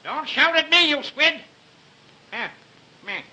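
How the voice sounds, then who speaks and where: An actor playing an irritable, insulting crime-story writer in an early 1930s film. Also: male voice, high voice, moderate pace, sharp tone, low-quality recording. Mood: grumpy. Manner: barking, insulting, impatient.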